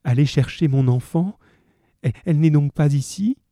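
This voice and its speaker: A man's voice: on the high side, normal speed, mellow, dry recording, clean studio sound, voice pushed up, lightly acted. A man voicing a dying young mother who cries out in raised, pleading tones. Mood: desperate.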